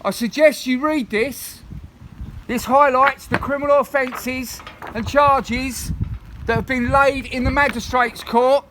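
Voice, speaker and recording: Brief: insistent man confronting intruders, very high voice, phone recording with steady noise behind. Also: takes it slowly. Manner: firm, insistent, repeats legal warnings. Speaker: property occupier confronting bailiffs.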